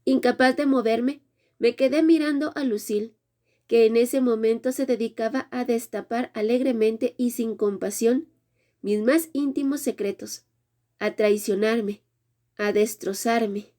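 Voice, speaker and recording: A woman narrating a romance audiobook in the first person with a measured, dramatic reading. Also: fairly high pitch, warm tone.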